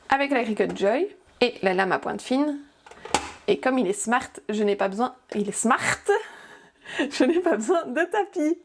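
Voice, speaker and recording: A woman's voice: mid-range voice, darkish tone. A woman hosting a casual crafting tutorial, chatty and upbeat as she guides viewers step by step. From France.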